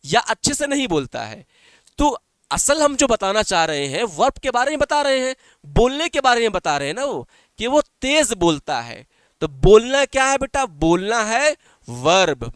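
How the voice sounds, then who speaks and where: Teaching English online in Hindi-Urdu, this man keeps going back over points and asking his students questions, addressing them as "beta." The high, smooth voice comes through at studio quality with no room sound.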